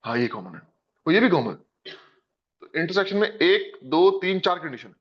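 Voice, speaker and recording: With a fairly high pitch and an unhurried pace, a math teacher with an Indian accent walks students through a test. His manner is lively and encouraging, and he calls them "beta." The classroom audio is dull and lo-fi.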